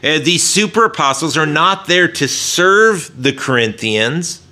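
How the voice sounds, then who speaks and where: A man preaching a sermon in an earnest tone, with frequent "uh" fillers and points he drops low and soft for emphasis. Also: expressive, measured pace. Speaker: pastor.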